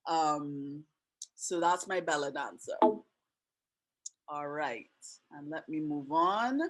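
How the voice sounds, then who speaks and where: A woman's voice: deep voice, slow. A woman from Trinidad and Canada with a Trinidadian accent tinged with Canadian, hosting an online webinar in a chatty, friendly way with many asides, on a computer mic. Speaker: webinar host and teacher. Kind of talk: casual online webinar presentation.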